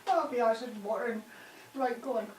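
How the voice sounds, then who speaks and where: Giggly high-voiced woman, off in an echoey room. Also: fairly quick, heavy background noise. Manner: giggly, struggling to keep a straight face. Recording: echoey, distant room sound.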